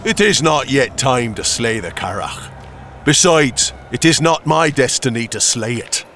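A man voicing a proud dwarf smith who answers in a calm, defiant way. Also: mid-range voice, unhurried, a little hiss or hum, pitched below the performer's own voice.

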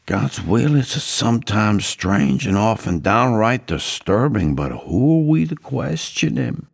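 A man's voice: low-pitched, slightly rough, full character voice. A man voicing a deranged, sullen male religious leader who rambles in swinging, unhinged tones.

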